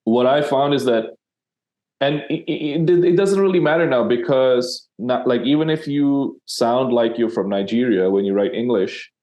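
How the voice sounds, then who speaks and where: A man's voice: mid-range voice, moderate pace, mellow. A man from Sri Lanka, a copywriter guest in an interview, talking casually with many fillers and restarts.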